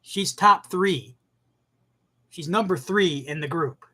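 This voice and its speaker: A man giving a casual, profane rant as an anime commentator, animated and bursting into shouts. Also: high-pitched, takes it slowly.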